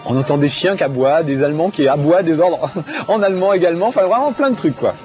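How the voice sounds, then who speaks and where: A high-pitched man hosts a video game show, chatting casually and excitedly while he plays. He laughs often and fills gaps with hesitations. The audio is dull, and soft music runs underneath. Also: fast talker. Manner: chatty, enthusiastic, laughs often, many fillers.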